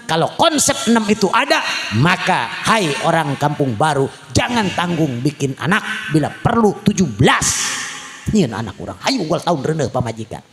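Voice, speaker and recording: A man with a Sundanese accent delivers a comic sermon, acting out the people in his story. His voice sits high and leaps around a great deal. He mixes loud, shouted lines with quiet asides. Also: big pitch swings, moderate pace, noisy background. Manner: switches between Sundanese and Indonesian. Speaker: preacher.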